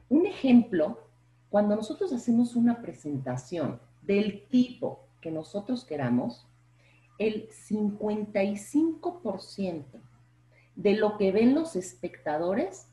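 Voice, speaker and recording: A woman professor with a Mexican accent, a podcast guest explaining public speaking in an expressive way, full of rhetorical questions. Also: mid-range voice, echoey room, low-quality recording. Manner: expressive, plays up intonation, asks rhetorical questions.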